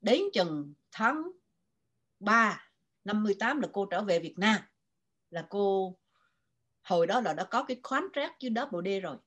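A woman's voice: mid-range voice, lively intonation, measured pace, pauses often, a bit bright. An older woman from Vietnam with a Southern Vietnamese accent, telling her story animatedly as an interview guest and switching between Vietnamese and English. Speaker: guest writer.

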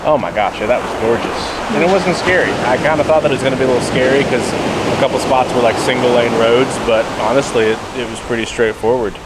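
A tired man in his thirties talks casually and rambles a bit, poking fun at himself as he hosts a travel vlog. He holds a phone at arm's length on a beach. Loud waves and wind roar behind him. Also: mid-range voice, quick pace. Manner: rambling, chatty, self-deprecating. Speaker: travel vlogger host. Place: outdoors on a beach by the surf. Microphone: phone selfie at arm's length. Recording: loud wind and surf noise.

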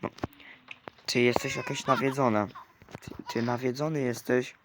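A man commentating a video game, chatting to the game characters with sudden loud outbursts. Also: mid-range voice, fairly even intonation, moderate pace. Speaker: gamer. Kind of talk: let's play commentary. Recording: clear clicking noise behind.

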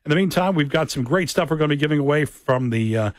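Man, radio DJ, relaxed station announcements, slightly high pitch, dry sound. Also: fast, no room sound.

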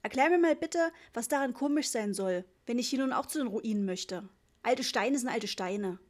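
A woman voicing an indignant, fretful middle-aged mother who complains in a shrill, raised voice. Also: lively intonation, fairly quick, a little mellow.

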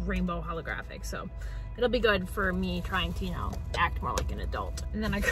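A young woman in her twenties chatting casually and rambling cheerfully in a vlog, filmed on a phone in her bathroom and parked car. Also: medium pitch. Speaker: vlogger.

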